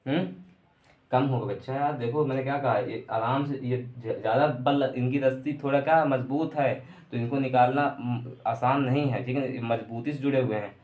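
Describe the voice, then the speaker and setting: A man's voice: medium pitch, steady tone, moderate pace, darkish tone. A man gives an online chemistry lecture in a room with lots of echo. His voice sits in a middle range. He repeats himself and asks rhetorical questions as he explains. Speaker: chemistry teacher. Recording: echoey room.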